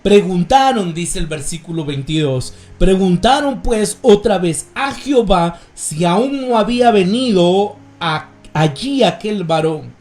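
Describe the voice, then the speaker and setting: Slow, measured Guatemalan preacher man. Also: high-pitched, lively intonation, darkish tone, roomy sound. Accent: Guatemalan Spanish. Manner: slow, measured preaching, often addressing listeners as brothers. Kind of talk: sermon with scripture reading.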